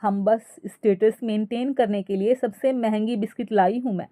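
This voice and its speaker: A woman's voice: medium pitch, steady tone, normal speed, dark tone, no room sound, studio quality, natural voice. A woman voicing a defiant young daughter-in-law who answers back in blunt, mocking retorts in a spoken story.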